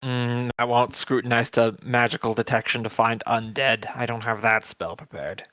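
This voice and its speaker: A man's voice: medium pitch, fairly even intonation, moderate pace, fairly bright tone, dry recording. A man playing a tabletop game, talking casually about his character's moves.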